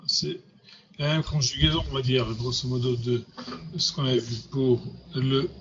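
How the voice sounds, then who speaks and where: A man's voice: medium pitch, steady tone, a little slow, lo-fi sound, noisy background. A man teaching a grammar lesson, patiently repeating and spelling out words. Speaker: Hebrew teacher.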